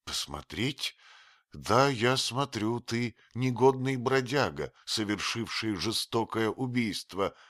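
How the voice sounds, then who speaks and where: A man reading an audiobook, voicing a very old grieving female servant who wails and scolds in a strained high voice. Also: expressive, slow, a bit bright, no echo, clean studio sound. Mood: bitter. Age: older.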